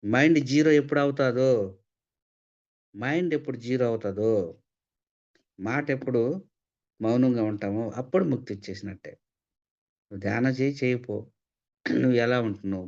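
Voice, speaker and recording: A man's voice: medium pitch, darkish tone. Man giving an emphatic spiritual talk. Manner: rhetorical questions, emphatic repetition. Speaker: spiritual speaker. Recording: slightly dull lo-fi sound.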